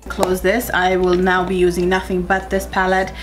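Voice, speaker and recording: A woman's voice: on the low side, completely flat delivery, normal speed, faint music behind. A young woman chatting to her viewers as she walks through a makeup tutorial step by step. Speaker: beauty vlogger. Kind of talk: casual makeup tutorial chat.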